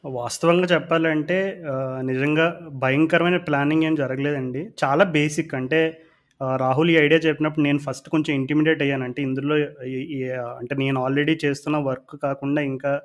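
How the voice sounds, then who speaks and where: A man with a Telugu accent chats as a podcast co-host, explaining things hesitantly in winding sentences full of mixed-in English words. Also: mid-range voice. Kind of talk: casual podcast talk in Telugu-English mix.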